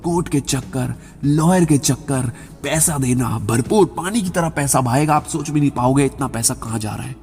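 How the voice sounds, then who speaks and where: A man voicing a smooth-talking male lawyer who politely makes veiled threats over the phone. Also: mid-range voice, moderate pace, hardly any pauses, darkish tone, lightly acted. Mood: threatening. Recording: reverberant voice-over with background music.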